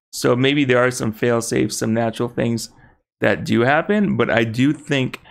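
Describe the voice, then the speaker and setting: A podcast co-host with a gravelly, medium-pitched voice chats casually about politics. He's hesitant, full of fillers and restarts, and laughs easily.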